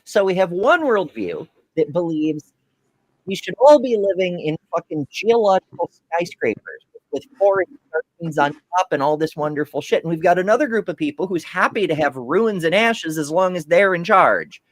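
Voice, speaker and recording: Give me a profane, rambling male podcast co-host with an animated, dry voice. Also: high-pitched, normal speed, no echo. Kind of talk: casual chat.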